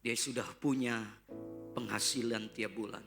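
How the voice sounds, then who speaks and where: A male pastor preaching a sermon in a church, swinging from loud shouts to hushed whispers. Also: mid-range voice, steady tone, a little slow, vocal fry. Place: church hall. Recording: live church sermon with guitar. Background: guitar music.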